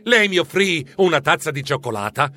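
A man reading a storybook aloud in the first person, animated and exclamatory. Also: a little high, fairly quick. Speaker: audiobook narrator.

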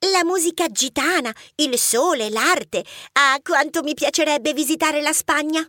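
A woman's voice: sits high, a little slow. A woman voicing an eager, curious young boy mouse in an audiobook, talking with enthusiasm. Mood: excited.

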